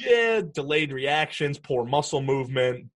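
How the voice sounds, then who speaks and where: A man's voice: medium pitch, expressive, a little slow, a little hiss or hum. A man casually chatting through a movie commentary, cracking jokes and laughing often. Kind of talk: casual movie watch-along chat.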